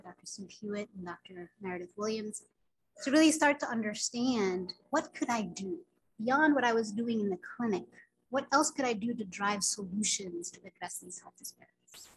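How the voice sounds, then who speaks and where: A woman physician from Sudan, Arabic her native tongue, presents a grand rounds lecture over a video call in an earnest, story-driven style with frequent fillers. Her medium-pitched voice is husky and moderately paced, and the audio quality is poor.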